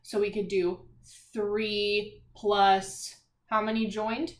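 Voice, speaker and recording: Slow and flat, her voice in the mid range, an elementary teacher reads a math lesson aloud for small children, coaxing them with encouraging, singsong questions. The space she's recorded in is echoey.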